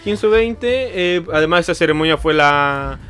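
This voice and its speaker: A man's voice: fairly high pitch, expressive, moderate pace, fairly bright tone, soft background music. A young Chilean man recounting a story in casual chat, hesitant and often restarting.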